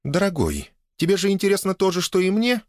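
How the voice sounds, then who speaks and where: A man's voice: high voice, sing-song, no echo, clean studio sound, pitched above the performer's own voice. Teasing young wife, as a man puts her on. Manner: teasing, drawn-out.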